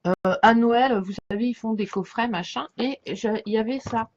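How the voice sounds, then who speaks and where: Woman, higher-pitched voice, slight lisp, loose halting chat as a card reader, dull lo-fi recording. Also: darkish tone, a little hiss or hum. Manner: halting, circling back, trailing off mid-thought. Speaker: tarot card reader giving a reading to followers. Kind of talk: casual rambling chat over a tarot spread. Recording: dull lo-fi sound.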